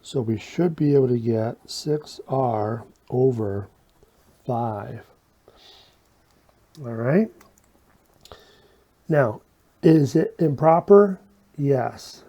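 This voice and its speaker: A man's voice: medium pitch, expressive, drawn-out words, long pauses, mellow. A man teaching an informal step-by-step math lesson in a folksy way, asking and answering his own questions, with a slight whistle on his s sounds. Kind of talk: informal step-by-step video lesson, talking while working problems.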